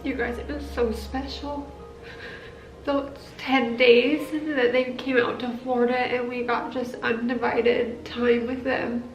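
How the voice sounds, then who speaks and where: A woman with a fairly high, creaky voice speaks tenderly and earnestly to her viewers. The sound is roomy, with faint music behind. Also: flat delivery, takes it slowly, dull audio. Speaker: family vlog host. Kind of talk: heartfelt personal talk to viewers.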